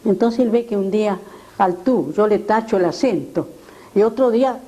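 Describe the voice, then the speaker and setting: An older woman, a retired teacher telling animated stories in an interview. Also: medium pitch, moderate pace, low-quality recording. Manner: animated, acts out quoted voices. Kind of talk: storytelling in an interview.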